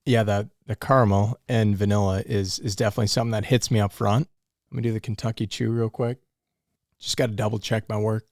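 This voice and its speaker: Man, casual co-host, talkative, low gravelly voice. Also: fairly even intonation, fairly quick, a little mellow, dry recording, studio quality. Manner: chatty, says "right?" often. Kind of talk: casual chat.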